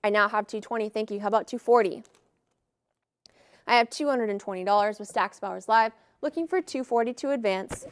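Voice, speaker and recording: A woman auctioneer calling bids in a live auction with brisk, formulaic patter. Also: medium pitch, clean tone, no echo, clean studio sound.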